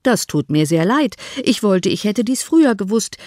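Woman voicing a dry ironic father, measured, calmly teasing, storybook reading, close dry sound. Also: mid-range voice, dry recording, close to an everyday voice. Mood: mock-regretful. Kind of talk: audiobook character voice.

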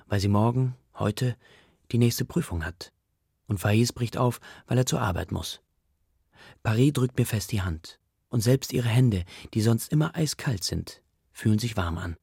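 A man narrates a story in a low, gravelly voice with a husky, rough edge. His reading is quiet and subdued. The recording is dry and close, with no room sound. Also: normal speed, no echo. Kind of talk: audiobook narration.

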